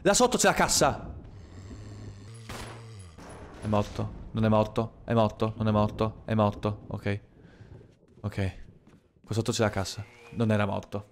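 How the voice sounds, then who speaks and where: A man streaming a horror game, commenting live and swearing, jumping from low muttering to yelling. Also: slight background noise. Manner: swearing, excitable, quick shifts from muttering to yelling. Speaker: gaming streamer.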